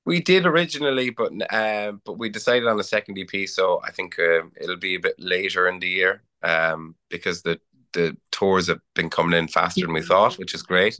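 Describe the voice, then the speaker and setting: A man's voice: deep voice, normal speed, sharp tone. An Irish man chatting as a musician guest in an interview, easygoing and laughing often, with frequent stumbles and repeated words. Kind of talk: casual interview chat.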